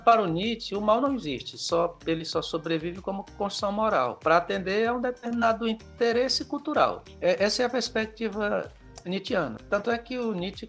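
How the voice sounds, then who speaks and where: Um professor brasileiro de sociologia, convidado, explica conceitos de forma pausada e acadêmica. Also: male voice, sits high, gravelly, a bit bright. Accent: Brazilian. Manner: measured, lecturing, with pauses. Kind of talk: explanatory academic talk.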